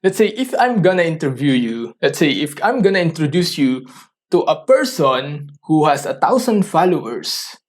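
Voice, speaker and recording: This man's voice sits a little high and swings widely in pitch as he hosts a motivational podcast on his own. A native Tagalog speaker, he coaches listeners with earnest rhetorical questions, though he stumbles and restarts sentences often.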